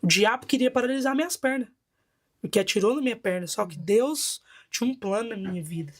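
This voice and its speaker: A woman's voice: fairly high pitch, lively intonation, fairly quick. A woman with a Brazilian Portuguese accent, a bishop giving a personal testimony in a vivid, dramatic storytelling manner.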